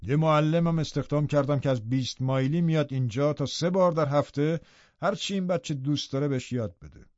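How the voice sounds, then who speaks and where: A man voices a harsh middle-aged landowner who speaks of those around him with cold contempt and pride. The tone is dark and mellow, and the dry, dull lo-fi recording keeps everything close and muffled. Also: a little high, dry recording, natural voice. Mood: contemptuous. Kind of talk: audiobook character reading.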